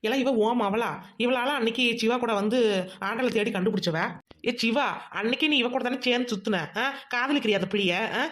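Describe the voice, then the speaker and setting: A woman's voice: fairly high pitch, fairly quick, fairly bright tone, lightly acted. A woman voicing a stern elder relative in a village audio drama.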